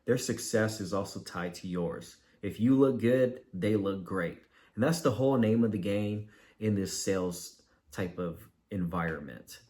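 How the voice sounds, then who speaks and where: A man speaks casually at home, talking to the camera in a conversational flow. His voice sits a little low for a man. He trips over his words and repeats them as he works through his points. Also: unhurried, a little mellow. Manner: conversational, loose, with filler and repeats. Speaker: vlogger giving career advice. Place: at home, with laundry machine nearby.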